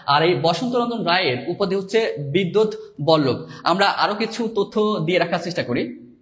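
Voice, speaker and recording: A male teacher giving a live exam-prep lesson, reading out viewers' comments and spelling words slowly. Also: high voice, lively intonation. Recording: echoey room.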